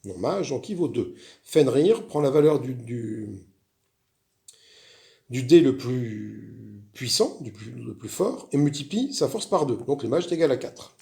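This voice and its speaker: A man's voice: mid-range voice, animated, unhurried, creaky, warm tone. A man chatting casually as he walks through a solo board game, rambling with frequent restarts. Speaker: board game video host.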